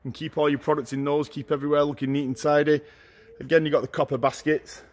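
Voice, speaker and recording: A middle-aged man walking through a large warehouse, listing auction lots in short, brisk phrases as he goes. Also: on the high side, little pitch movement. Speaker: auctioneer giving a viewing tour. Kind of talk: walking tour commentary. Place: large indoor warehouse with shelving.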